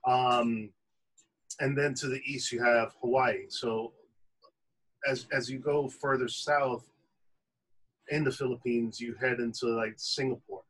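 Slightly husky, low-to-mid man explaining food. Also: fairly even intonation, a little slow, pauses often, a bit bright, low-quality recording. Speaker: restaurant owner, interview guest. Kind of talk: explanatory interview talk.

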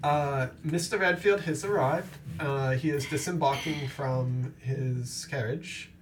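A man's voice: medium pitch, slow pace, lightly acted, poor audio. A man doing prim butler Julius. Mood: courteous. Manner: formal, courteous.

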